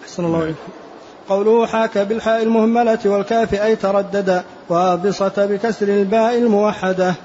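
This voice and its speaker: A man reading a classical text aloud to his teacher in a steady recitation, spelling out vowel markings word by word. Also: high voice, fast talker. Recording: dull lo-fi lecture recording with faint hiss.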